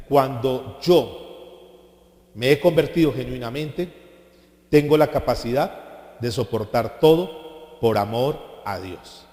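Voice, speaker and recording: A pastor delivering a sermon, animated, asking his congregation questions and mimicking people. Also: medium pitch. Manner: animated preaching with rhetorical questions and mocking impressions. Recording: echoey hall.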